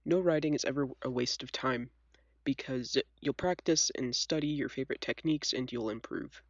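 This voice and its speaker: A young woman hosting a video chats casually and self-deprecatingly while telling stories, her voice scratchy and congested because she's sick and sniffly with a cold. Her pitch is extremely low and her speed normal. The audio has no room sound and the highs are cut off.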